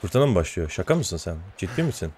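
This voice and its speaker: A man narrates his game session in an exasperated, self-talking way, and he swears when things go wrong. His voice swings widely in pitch, from grumbling lows to sudden sharp yelps. A faint hiss sits under the recording. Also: big pitch swings, fairly quick. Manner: exasperated, swearing running commentary; talks to himself while playing. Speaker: gaming channel host. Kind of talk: let's play commentary.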